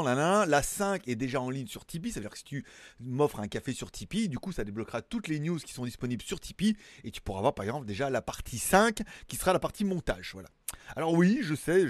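A man's voice: fairly high pitch, no echo. A man hosting a casual tech news show, chatting in a rambling, jokey way with frequent asides. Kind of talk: casual chat.

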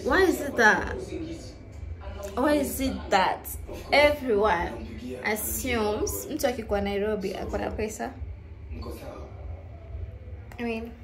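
A woman's voice: fairly high pitch, low-quality recording. A young woman with a Kenyan accent vlogging casually to her phone at arm's length at home, switching between English and Swahili in a candid, chatty way. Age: young adult. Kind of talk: casual vlog chat to camera. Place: home kitchen, indoors. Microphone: phone held at arm's length.

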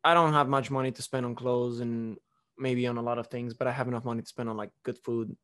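This young man from Romania talks fast in a flat, fairly bright, medium-pitched voice. As a podcast host chatting casually at home, he rambles through restarts and fillers into a close studio mic on a boom arm in his living room.

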